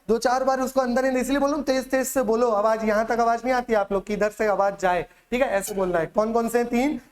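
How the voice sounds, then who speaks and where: A male teacher lecturing a classroom in Hindi, quizzing students with repeated questions and memory tricks, with a Chhattisgarh accent. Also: extremely high pitch. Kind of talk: classroom lecture with call-and-response drills.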